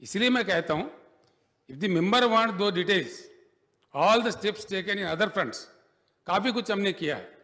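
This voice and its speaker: A man's voice: sits high, animated, slow, pauses often, sharp tone. A man replying as a government minister in an assembly debate, switching between Hindi and English and repeatedly asking to be heard. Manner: defensive, keeps pleading to be heard. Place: legislative assembly chamber. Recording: long reverb of an assembly hall.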